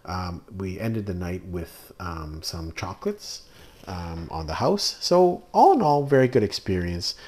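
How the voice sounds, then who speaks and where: A man's voice: sits low, very animated, a little slow, darkish tone. A man narrating a casual restaurant review over photos, talking plainly and hesitantly with many fillers. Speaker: food reviewer.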